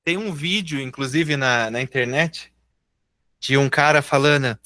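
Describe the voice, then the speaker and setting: A Brazilian man teaching English in a live online class. He speaks with a Brazilian Portuguese accent, is patient and encouraging, and draws out example words slowly. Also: mid-range voice, pushed and bright, no echo, studio quality.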